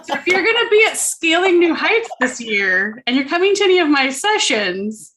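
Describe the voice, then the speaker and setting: A woman co-hosting a live online Q&A who runs a firm, playful and quick with asides. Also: sits high, big pitch swings, bright, forceful tone. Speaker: co-host, accounting firm owner. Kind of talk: casual live Q&A chat.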